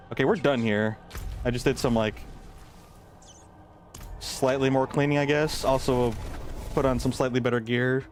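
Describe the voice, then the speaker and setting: A man's voice: medium pitch, flat delivery, a little slow, pauses often, faint music behind. A man streaming a game, chatting casually and rambling with lots of fillers. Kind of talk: casual gameplay chat.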